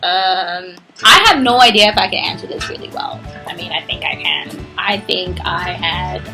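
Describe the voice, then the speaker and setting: A woman's voice: fairly low pitch, moderate pace, vocal fry, soft background music, low-quality recording. A young woman hosting a casual talk, rambling and swearing freely. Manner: profane, animated, rambling. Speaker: podcast host. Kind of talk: casual chat.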